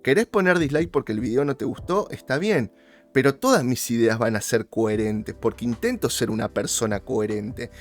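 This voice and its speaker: A man's voice: moderate pace, faint music behind. Argentine-accented man vlogging to viewers. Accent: Rioplatense Spanish. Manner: talks straight to viewers, persuasive, pitch jumps up for emphasis. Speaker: YouTuber host. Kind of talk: casual monologue to viewers.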